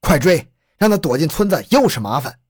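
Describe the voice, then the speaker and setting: A man voicing a determined male police chief who shouts urgent commands while chasing a suspect. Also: on the high side, sing-song, brisk, husky.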